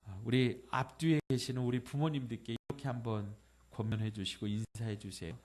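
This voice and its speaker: A male pastor giving a Sunday sermon, reading a poem and a letter aloud gently and slowing down on the tender lines. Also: medium pitch, steady tone. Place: church sanctuary.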